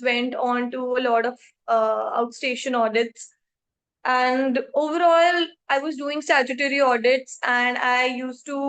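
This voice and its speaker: A young woman with an Indian accent and a notably high voice. She speaks as an interview guest, laying out her own experience in an articulate, self-assured manner. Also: fairly bright tone. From Jaipur, India. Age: 20s. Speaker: podcast guest, accountancy trainee. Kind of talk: interview answers about career.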